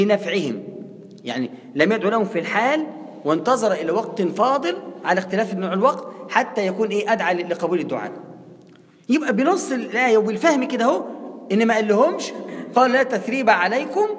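A man with an Egyptian accent who teaches Quran recitation and keeps asking his listeners rhetorical questions. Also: high voice. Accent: Egyptian Arabic. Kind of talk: explanatory religious lesson. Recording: long hall reverb.

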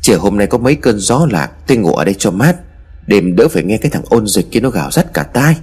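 A man voicing a grumpy, stubborn old village man in an audio story, speaking gruffly and dismissively. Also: lowish voice, sing-song, quick pace, a little mellow, faint music behind. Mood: grumbling.

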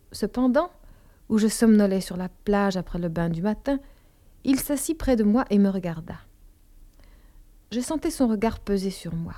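A woman narrating a novel in an audiobook, measured and intimate, sometimes dropping to a whisper. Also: medium pitch, dark tone. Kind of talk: scripted narration.

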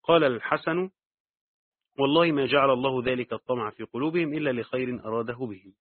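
A man's voice: mid-range voice, no echo. Man teaching tafsir over a tinny line. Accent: Egyptian. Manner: reads the text aloud, then adds quick asides in colloquial dialect. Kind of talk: reading and explaining a tafsir text. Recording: dry, phone-like narrow sound.

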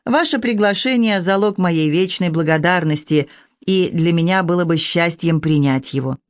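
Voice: medium pitch, moderate pace, dry recording, studio quality, lightly acted. An audiobook reader voicing an earnest young woman speaking with fervent feeling. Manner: fervent, heartfelt.

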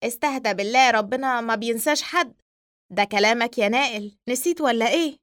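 A woman's voice: fairly high pitch, quick pace, fairly bright tone, no room sound, clean studio sound, lightly acted. A woman voicing a reassuring Egyptian young man. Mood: soothing urgent. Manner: soothing, reassuring, urgent. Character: loyal young man comforting his friend.

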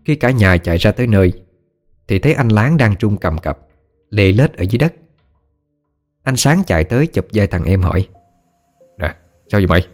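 A man's voice: fairly low pitch, lively intonation, normal speed, pauses often, a little mellow, faint music behind. A man narrating a ghost story in a folksy storytelling manner.

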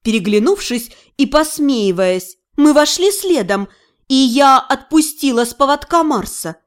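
A woman reading a first-person audiobook with expressive storytelling. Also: sits high, measured pace. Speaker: audiobook narrator. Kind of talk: first-person scripted narration.

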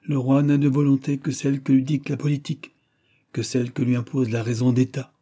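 Man reading as a young king, anguished, earnest, dark husky tone. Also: mid-range voice, level tone, fairly quick, voice pushed up, close to an everyday voice. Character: young king, torn and sorrowful.

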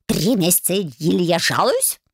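A woman's voice: lowish voice, animated, normal speed, husky, no echo, clean studio sound. A woman voicing a cranky old talking door handle with a wolf's head, whiny and indignant, in an audiobook. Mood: grumbling, haggling. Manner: whiny, indignant, shouting and bargaining. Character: cranky ancient talking door handle, wolf-headed, male. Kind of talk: audiobook character voice.

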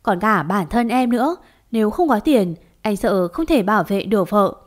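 A woman's voice: mid-range voice, animated, normal speed, natural voice. A woman reading an audio story, voicing a weak young husband who pleads and defends himself. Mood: pleading.

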